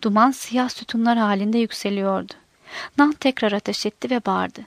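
A woman narrating a novel in a steady, measured reading voice. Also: mid-range voice, no room sound. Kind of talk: scripted narration of a war novel.

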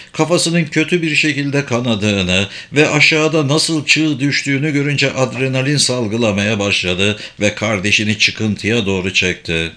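A man narrating an audiobook in an animated, expressive way. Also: mid-range voice. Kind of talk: scripted narration.

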